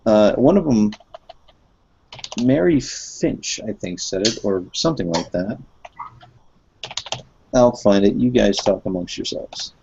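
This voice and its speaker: A man's voice: on the low side, expressive, slow, gravelly, long pauses, dark tone, slight background noise. A man co-hosting a casual stream chat, blunt and mocking, swearing freely. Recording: dull lo-fi stream audio.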